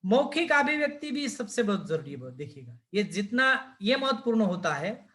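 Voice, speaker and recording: High-voiced man teaching a class. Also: very animated, normal speed, pushed and bright. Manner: asks students questions and models pronunciations. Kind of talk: lecture on speaking skills.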